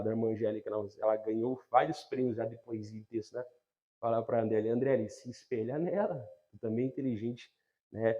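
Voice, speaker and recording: Brazilian pastor preaching with loud swells. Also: male voice, medium pitch, highs cut off. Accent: Brazilian Portuguese. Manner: conversational preaching, frequent tag questions, swells to loud emphatic readings. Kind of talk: sermon.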